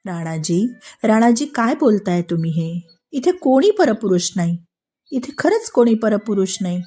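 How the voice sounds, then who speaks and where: A woman doing a gentle devoted widow pleading softly. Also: medium pitch, unhurried, breathy edge. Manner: soft, calm pleading.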